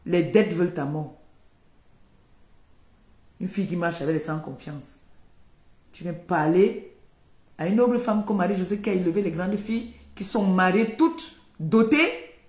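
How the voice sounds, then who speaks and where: A woman's voice: on the low side, animated, measured pace, long pauses, darkish tone. An older woman, ranting on a live stream, scolding and accusing and repeating her points. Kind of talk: heated live-stream rant. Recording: echoey room.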